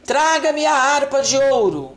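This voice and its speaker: A woman's voice: on the high side, expressive, a little slow, voice pushed up. A woman voicing a huge, furious old giant who eats people and bellows his demands. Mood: bellowing.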